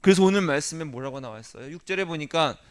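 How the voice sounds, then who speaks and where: Male pastor, high-pitched, sermon delivery that shifts between hushed and forceful lines. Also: animated, fast talker, clear, resonant tone. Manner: rhetorical questions to the congregation, swings from soft to emphatic.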